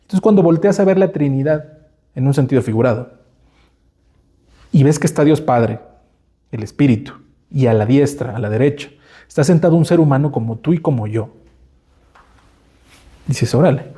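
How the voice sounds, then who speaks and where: A man's voice: mid-range voice, normal speed, pauses often, warm tone, slightly rough. A middle-aged man with a Mexican Spanish accent preaching a sermon in a conversational way, with frequent asides and tag questions, acting out quoted dialogue in a playful voice. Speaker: pastor.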